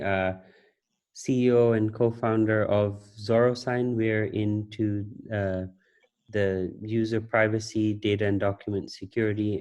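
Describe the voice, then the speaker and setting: A man introducing himself and his company at an online meeting, speaking in a halting way with many fillers over a video call. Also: lowish voice, darkish tone.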